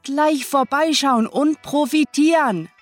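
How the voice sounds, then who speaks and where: A woman hosting a podcast outro as a mock shopping-channel sales pitch, with exaggerated salesy hype. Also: slow, no echo, faint music behind. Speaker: podcast host.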